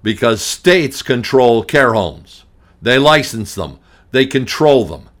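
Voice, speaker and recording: Slow and sing-song, his mid-range voice carries a slightly bright edge. He's a middle-aged estate planning attorney hosting a radio talk show, ranting hard and repeating points to drive them home, with frequent restarts and a blunt, grumpy manner.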